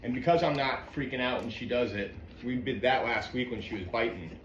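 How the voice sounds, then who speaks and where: A man working as a dog trainer, calmly explaining a training session to viewers between soft coaxing praise for the dog. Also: mid-range voice, brisk, roomy sound, slight background noise. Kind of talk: narrating a training session to camera. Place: indoor room with a dog.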